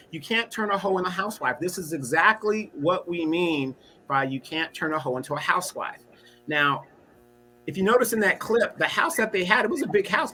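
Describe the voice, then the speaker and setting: Guy co-hosting, opinionated, bright forceful voice, a bit high. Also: a little hiss or hum. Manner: opinionated, addresses the audience directly. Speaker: co-host, commentator. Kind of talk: casual commentary.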